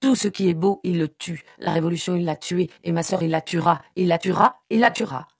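A woman voicing a hot-tempered young man who shouts and sneers vulgar insults at his family, in a dark, gravelly voice. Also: on the low side, brisk, dry recording, studio quality. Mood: furious shouting.

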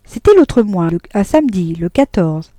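A woman's voice: mid-range voice, sing-song, normal speed, mellow, no room sound, clean studio sound. A woman voicing a wronged wife who presses her husband impatiently and coldly, in a read-aloud novel. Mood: accusing. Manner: impatient, cold, pointed.

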